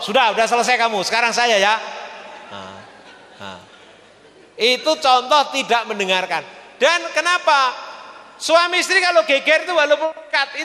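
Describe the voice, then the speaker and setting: High, bright middle-aged male speaker, lively religious talk. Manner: animated, asks the audience questions. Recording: long hall reverb.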